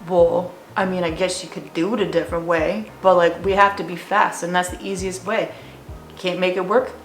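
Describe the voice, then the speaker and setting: A woman's voice: on the low side, steady tone, moderate pace, a little hiss or hum, natural voice. A woman playing both parts of a re-enacted conversation, here voicing a blunt, careless male construction coworker. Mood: casual, matter-of-fact. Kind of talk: acted dialogue re-enactment. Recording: roomy echo, faint music.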